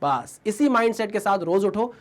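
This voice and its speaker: A man with a high voice coaches students on exam preparation. He speaks conversationally and motivationally. He leans on tag questions and briefly acts out inner voices. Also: expressive, normal speed. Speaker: exam-prep teacher. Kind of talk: motivational study advice.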